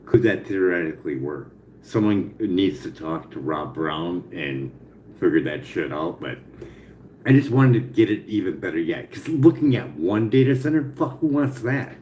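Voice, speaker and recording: A man with a low voice talks casually, circling back over his words and cursing freely. His articulation is softened by missing teeth. The room echoes, with faint noise underneath. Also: expressive, normal speed. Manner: rambling, repetitive, profane. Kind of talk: casual spoken brainstorming to an AI chat. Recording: roomy echo, faint background noise.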